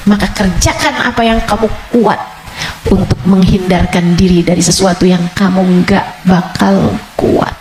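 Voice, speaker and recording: A woman's voice: fairly low pitch, steady tone, a little slow, darkish tone, echoey room, a little hiss or hum, poor audio. A woman preacher, giving a sermon with emphatic, repetitive exhortation. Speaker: Islamic preacher. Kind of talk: religious sermon.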